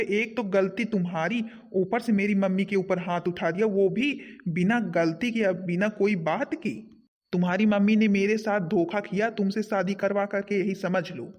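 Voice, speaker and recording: A man's voice: high voice, natural voice. A man voicing an angry young husband who sternly scolds his wife in a homemade cartoon. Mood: contemptuous.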